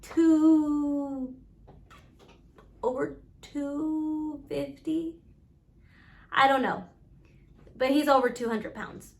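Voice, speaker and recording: Woman vlogger, slow halting personal storytelling, fairly high voice. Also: fairly even intonation. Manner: halting, pausing often, earnest. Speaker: vlogger recounting her own experience.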